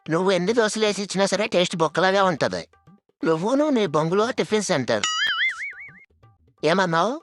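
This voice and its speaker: A woman's voice: fairly low pitch, lively intonation, brisk, long pauses, over loud music, natural voice. A woman voicing a hot-tempered, insulting young man in a cartoon. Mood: irritated, scornful. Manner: shouting insults, blunt.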